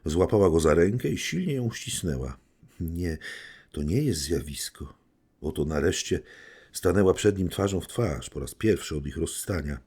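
A man reading a classic novel aloud as an audiobook narrator, measured and steady. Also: sits low, husky. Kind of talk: scripted literary narration.

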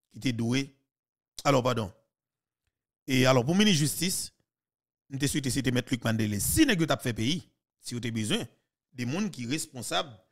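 Haitian guy in his 30s ranting on a podcast, heated, mocking, mid voice, close studio mic. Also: medium pitch. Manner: heated, mocking, with sudden loud outbursts. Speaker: podcast commentator. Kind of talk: political commentary. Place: small studio. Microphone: studio mic with headphones.

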